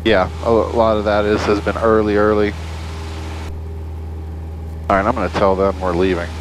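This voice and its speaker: A man's voice: fairly low pitch, flat delivery, normal speed, low-quality recording. A young man, a student pilot, speaking casually and a bit hesitantly over a pilot headset intercom. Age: young adult. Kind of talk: casual chat and radio calls. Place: small propeller plane cockpit in flight. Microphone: aviation headset boom mic. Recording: headset intercom with clear engine noise.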